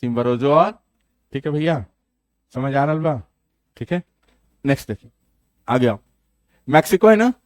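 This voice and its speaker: A man's voice: mid-range voice, animated, unhurried, pauses often, no echo. A male geography teacher lecturing a classroom, switching between Hindi and English and repeating key names for students.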